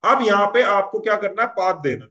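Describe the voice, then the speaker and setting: Guy with a high voice teaching coding, keeps asking if it's clear, muffled lo-fi audio. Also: lively intonation, brisk, pushed and bright. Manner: conversational, repeats "clear?" to check understanding. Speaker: web development instructor. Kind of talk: casual coding tutorial.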